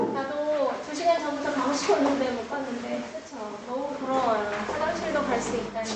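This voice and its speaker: A woman's voice: high-pitched, heavy background noise. A woman teaching an English lesson in a classroom, explaining step by step and asking the class questions. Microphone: screen-recorded, far from the mic. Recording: roomy classroom, distant mic.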